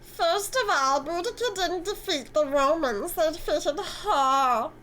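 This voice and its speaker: Smug, condescending male dealer in a game, drawn-out sneering lines, high and sharp; a woman voices him. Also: lively intonation, a little hiss or hum, heavily acted, rough recording. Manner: drawling, theatrical, sneering.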